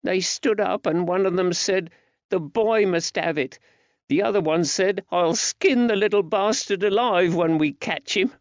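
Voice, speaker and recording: A grief-stricken, earnest young working-class lad, frightened and played by a male narrator, talks a little slowly in a high, plaintive voice and a rustic, old-fashioned dialect. It's an audiobook story captured in a dry, slightly dull recording without echo.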